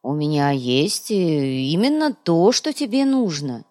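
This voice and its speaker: A woman's voice: medium pitch, animated, brisk, natural voice. A woman voicing a sly, greedy male trader who talks in an ingratiating, chatty way for an audiobook.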